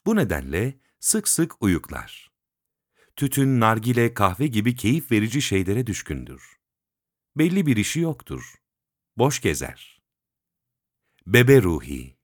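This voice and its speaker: A man reading a textbook lesson aloud in a measured, list-like way, pausing between items. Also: lowish voice, no room sound, studio quality.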